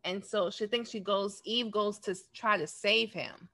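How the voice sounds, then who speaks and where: Woman co-host with a gravelly edge, animated storyteller in a casual film talk. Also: medium pitch, normal speed. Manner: retells scenes acting out characters' lines. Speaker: podcast co-host.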